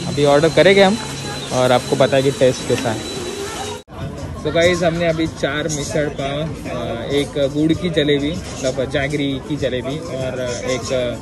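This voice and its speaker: A man's voice: on the high side, fairly even intonation, slow, a crowd in the background. A young man talking casually as a food vlogger at an outdoor garden restaurant, chatty and upbeat, with many fillers and English words mixed in. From India. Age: young adult.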